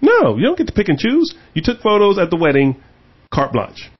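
A man hosting a casual chat, animated and emphatic, getting heated and repeating his points. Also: high-pitched, fairly quick, breathy edge, lo-fi sound. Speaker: host.

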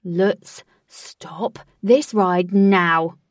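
A woman's voice: on the high side, very animated, normal speed, husky, dry recording, clean studio sound, far from the mic. A woman playing a short-tempered male protector. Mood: angry. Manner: forceful, clipped commands.

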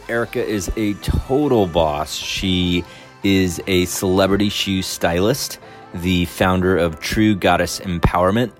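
Deep-voiced casual podcast host. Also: male voice. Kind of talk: podcast interview.

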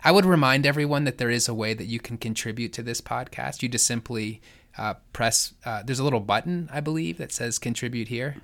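Male American podcast co-host, mid-pitched, relaxed conversational talk. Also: brisk, creaky. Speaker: podcast co-host, church staff. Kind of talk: casual co-hosted podcast chat.

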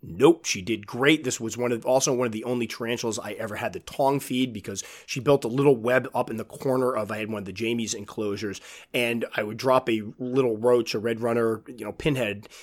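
A man with whistling, sibilant S sounds, hosting a casual enthusiast countdown and telling stories in an animated way, acting out quoted reactions. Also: medium pitch, brisk. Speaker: host, tarantula keeper.

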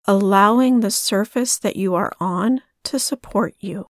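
A woman leading a guided breathing meditation in a soft, soothing way. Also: mid-range voice, measured pace, no echo, clean studio sound.

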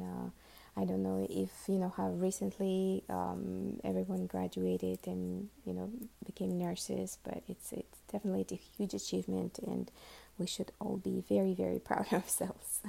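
A nurse from Uzbekistan, a native Russian speaker, introduces herself to classmates without a script. Her voice is very gravelly, dark and mid-range, and she speaks softly, half-whispering, with lots of ums and restarts.

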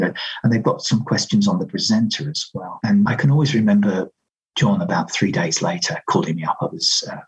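A man's voice: on the low side, breathy edge, poor audio. A middle-aged man, a radio presenter reminiscing conversationally in an interview. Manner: conversational anecdotes, quoting others' remarks.

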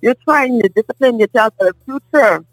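A middle-aged woman from the Bahamas with a Bahamian accent, a guest in a casual table conversation, telling stories in a lively way and often asking "you understand?". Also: fairly high pitch, fairly quick, no echo, faint music behind, low-quality recording. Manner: animated storyteller, often asks "you understand?".

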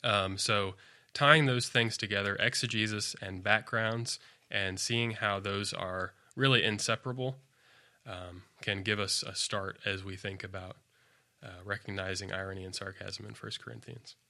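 A man explaining as a guest scholar in an interview, thoughtful and measured, with frequent fillers and restarts. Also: on the low side, steady tone, creaky, bright, forceful tone.

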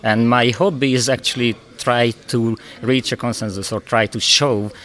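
A man's voice: mid-range voice, steady tone, moderate pace, fairly bright tone. A man from Hungary, a Hungarian native speaker, answering interview questions carefully and plainly with a few grammar slips. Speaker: conference speaker, guest.

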